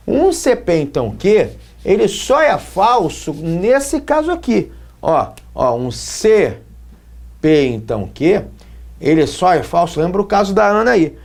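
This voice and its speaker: A man from Brazil teaching logic at a whiteboard, his pitch rising and falling a great deal. He explains step by step and keeps asking the students short questions to check they follow.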